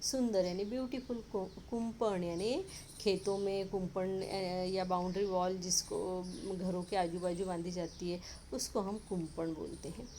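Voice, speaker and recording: A woman teacher talks straight to young children, patient and clear. She draws syllables out slowly when she sounds out a word. Her voice sits at a middle pitch, with a faint hiss of noise in the background. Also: fairly even intonation, dark tone. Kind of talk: explaining a children's lesson.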